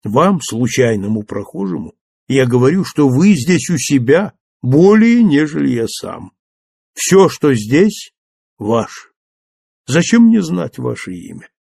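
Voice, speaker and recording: Guy reading as a calm kind old bishop, soft gravelly voice, dry. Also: mid-range voice, measured pace, no room sound, heavily acted. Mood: gentle. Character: gentle elderly bishop, calm and kindly. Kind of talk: audiobook character reading.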